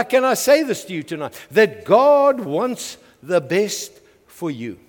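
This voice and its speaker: A middle-aged man with a South African accent, preaching a lively call-and-response sermon to his church. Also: high-pitched. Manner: energetic, call-and-response, frequent "Amen". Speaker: pastor. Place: church hall. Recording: long hall reverb.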